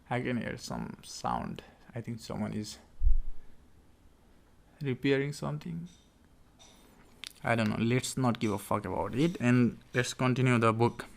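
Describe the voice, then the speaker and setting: A man with a clear, smooth voice reads aloud in an informal podcast style. His delivery is halting, with stumbles and repeated words. He is recorded at home in a living room. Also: medium pitch, a bit bright. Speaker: podcast host reading a book aloud. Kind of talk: informal audiobook read-aloud with casual asides.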